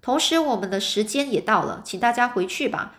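A woman's voice: fairly high pitch, animated, brisk, lightly acted. A woman doing a fussy, overly polite red-haired little man. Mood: smooth, polite. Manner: ingratiating, repeats his words.

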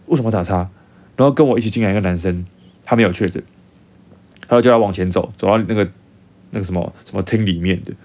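Young man, Taiwanese Mandarin accent, low voice, animated casual storyteller. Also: quick pace, long pauses. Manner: animated, acts out dialogue in changed voices. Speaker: vlogger.

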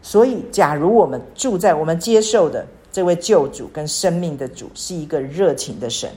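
A woman in her sixties speaks with a low, grounded voice. She teaches in an earnest, pleading way, repeating her phrases as she builds toward prayer. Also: lively intonation, moderate pace, warm tone. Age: 60s. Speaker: church speaker. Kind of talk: devotional teaching.

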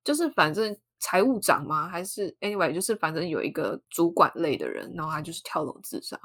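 A woman's voice: on the low side, fairly quick. A woman with a Taiwanese Mandarin accent chatting casually and slangily, mixing in English words. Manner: slangy, animated reactions.

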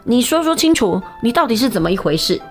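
A woman's voice: fairly high pitch, sing-song, quick pace, soft background music, pitched above the performer's own voice. A woman voicing a curious, cautious man from an ancient tale, questioning and wary.

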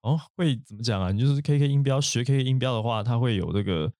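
A man's voice: mid-range voice, quick pace, dark tone, no echo, clean studio sound. A man hosting an English vocabulary lesson, explaining at length with fillers and asides. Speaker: podcast host.

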